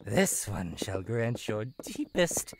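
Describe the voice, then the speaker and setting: A woman's voice: very deep voice, big pitch swings, slow pace, background noise, heavily acted. A woman playing a playful, flirty demon jester for a visual novel horror game, teasing and sweetly menacing in a theatrical way. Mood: seductive, menacing. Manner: theatrical, teasing, swinging from singsong chirps to sinister purrs.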